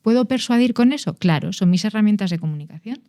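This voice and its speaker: A woman on a podcast explains body language in a conversational tone. Her voice is mellow and warm, with a close, dry sound, and she often stresses words and restarts her phrases as she thinks. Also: mid-range voice, animated, fast, no echo. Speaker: podcast guest, nonverbal communication expert. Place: podcast studio.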